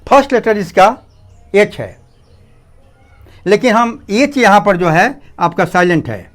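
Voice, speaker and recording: A male teacher explains a grammar rule. His voice sits fairly high and he talks at an unhurried, deliberate pace. He goes over each point more than once and keeps asking students to pay attention. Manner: slow, repetitive, asks students to pay attention.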